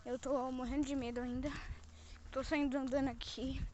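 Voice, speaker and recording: A high-pitched Brazilian woman gives jumpy gameplay commentary, dropping to hushed whispers and bursting into shrieks. Her voice rings with a long reverb over clear background noise. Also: flat delivery, moderate pace. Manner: jumpy, easily startled, swings between whispering and shrieking. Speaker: gaming channel host.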